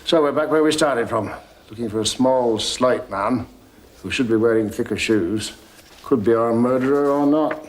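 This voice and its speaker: An actor playing a patient, shrewd police inspector, questioning dryly. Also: male voice, medium pitch, normal speed, a little hiss or hum, natural voice, poor audio. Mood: calm, probing. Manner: probing, dry questioning. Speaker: detective chief inspector. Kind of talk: TV detective drama acting.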